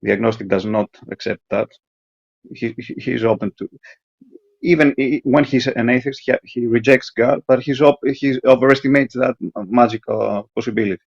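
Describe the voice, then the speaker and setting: Male voicemail caller, gravelly and husky, halting lecture delivered to an answering machine over a dull lo-fi line. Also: mid-range voice, dry recording. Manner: halting, lecturing, frequent restarts and stumbles. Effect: answering machine voicemail message. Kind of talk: recorded voicemail monologue.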